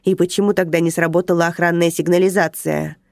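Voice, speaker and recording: A woman's voice: on the low side, flat delivery, fast, gravelly, a little mellow, no room sound. A tall, imposing boss in a grey suit gives commands in a bossy manner, as a woman reading a story puts him on. His tone is firm. The sound is dry and close. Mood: commanding.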